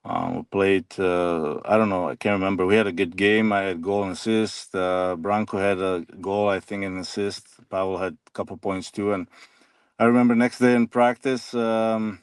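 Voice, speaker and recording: A man, a former hockey player reminiscing in a halting, soft-spoken way as an interview guest. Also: deep voice, steady tone, clear, resonant tone, dry recording. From Slovakia.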